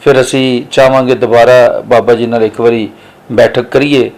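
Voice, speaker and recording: A male host wraps up the program by speaking straight to the audience. His voice sits at a mid pitch and has a plain, even delivery. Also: normal speed, poor audio. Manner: addresses the audience directly. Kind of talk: show sign-off to viewers.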